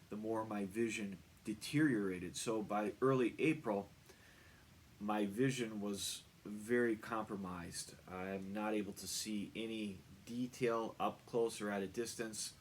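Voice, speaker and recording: A man with a fairly low voice talks through his experience in a personal vlog. He is plain and matter-of-fact, explaining step by step in short phrases broken by pauses. A faint background noise sits under his voice. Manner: measured, halting delivery in short phrases with pauses. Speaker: patient recounting own eye surgery.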